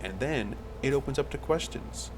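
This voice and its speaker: A man's voice: medium pitch, expressive, normal speed, very noisy. A man running a tabletop game as game master, explaining rules and describing scenes at length.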